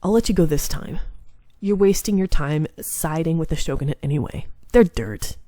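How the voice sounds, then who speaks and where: A woman's voice: deep voice, normal speed, dark tone, no room sound, voice pushed down. A woman voicing an arrogant male demon lord who taunts and threatens in a menacing tone, reading a visual novel. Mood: scornful.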